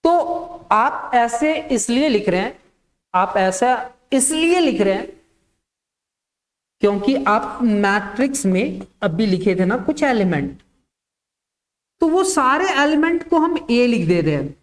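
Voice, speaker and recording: A woman's voice: a little high, big pitch swings, measured pace. A woman teaching a maths lesson. She dictates step by step, asks the class questions and answers them herself, and repeats the key terms.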